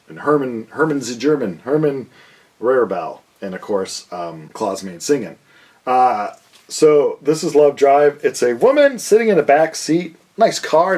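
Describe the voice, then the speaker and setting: A man's voice: medium pitch, a little mellow. Man, 50s, easygoing rock-fan reviewer, meandering delivery, frequent ums and uhs. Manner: rambling, filler-heavy, enthusiastic fan talk. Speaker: music reviewer. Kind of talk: casual record review.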